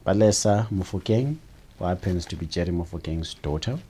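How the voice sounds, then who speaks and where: A man's voice: sits low, fairly quick, warm tone, slight background noise. A man from the film's crew, enthusiastically praising the cast in a behind-the-scenes interview. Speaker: filmmaker.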